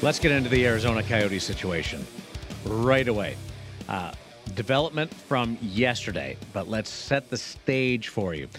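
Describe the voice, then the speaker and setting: A man hosting a sports radio show, moving between casual talk and contest promo reads in a halting, self-correcting way. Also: on the low side, lively intonation, music in the background.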